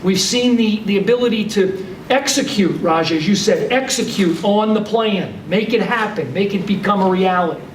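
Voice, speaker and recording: A high-voiced man emcees a ceremony in brisk, repeated short phrases. He sounds distant in an echoey room with faint noise. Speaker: bank executive. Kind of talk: emcee remarks.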